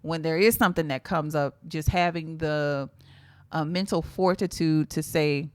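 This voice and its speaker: Low-voiced woman, reflective podcast co-host. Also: steady tone, moderate pace, a little mellow, smooth, no echo. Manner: reflective and candid, many "um" and "like". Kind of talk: casual chat.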